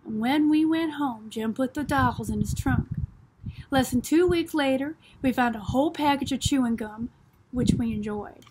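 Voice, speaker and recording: A woman narrating a novel in a steady, unhurried way, as in an audiobook. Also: high voice, slight background noise.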